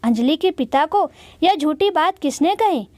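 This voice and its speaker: Woman reads flustered middle-aged mother, questioning, high, dry. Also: lively intonation, measured pace, darkish tone, no echo. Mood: puzzled.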